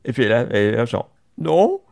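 Speaking on the low side and a little fast, a male podcast co-host rambles through a long story about a TV series in casual chat, full of hesitations and restarts.

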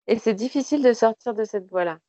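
Measured woman, dry lo-fi recording. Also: fairly high pitch, dark tone, no room sound. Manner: measured, thoughtful. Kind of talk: personal testimony. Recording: dry, dull lo-fi sound.

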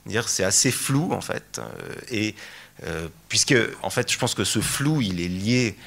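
A man's voice: fairly low pitch, animated, a little slow, creaky, fairly bright tone, husky. A man giving a lecture talk, hesitant, with many fillers and restarts. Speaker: conference speaker.

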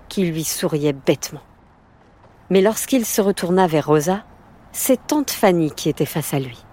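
A woman narrating a storybook in an expressive, vivid way. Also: on the low side.

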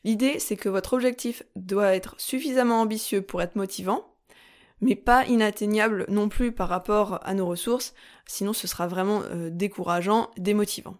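A woman hosting a solo podcast, explaining things calmly and step by step with frequent fillers. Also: mid-range voice, normal speed. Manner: calm, methodical, step-by-step teaching with frequent fillers. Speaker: podcast host.

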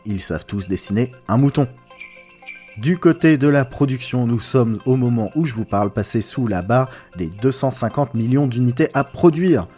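A man's voice: medium pitch, mellow, natural voice. A man playing an upbeat morning newsreader on a Christmas elves' radio station, reading a scripted comic bulletin in a playful announcer manner. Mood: wry aside. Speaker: radio news presenter.

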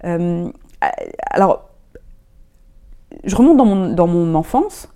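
Speaking slowly and expressively, this middle-aged German-raised woman has a fairly low, warm, smooth voice. She's a guest in a relaxed interview, and her answers come out haltingly, full of fillers and false starts.

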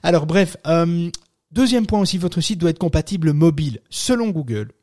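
A man hosts a live podcast from his home, talking casually and stumbling through fillers and restarts. His voice is mellow and darker in tone, and he sounds close and dry, without room reverb. He chuckles at his own asides now and then. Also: on the high side, expressive, moderate pace. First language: not French-born, francophone. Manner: rambling, many fillers and restarts. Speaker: podcast host.

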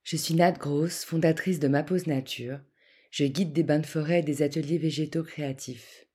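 A woman podcast host giving a scripted, measured narration. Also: sits low, steady tone, dark tone, breathy edge. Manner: measured, read-aloud delivery.

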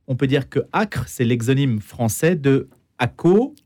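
A man interviewing a guest, brisk and interjecting. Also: medium pitch, animated, a little mellow. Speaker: radio interviewer. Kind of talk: interview questions.

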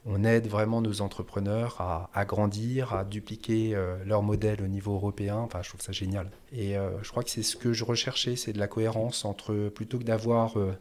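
A man's voice: lowish voice, a little mellow. A man speaking as a podcast guest in a casual interview, hesitant, with many fillers and restarts.

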